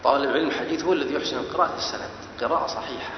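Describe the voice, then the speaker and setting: A man's voice: medium pitch, very fast, vocal fry, noisy background. A man giving a classroom lecture as a hadith teacher, explaining step by step and quizzing his listeners with questions. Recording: echoey hall, dull lo-fi sound.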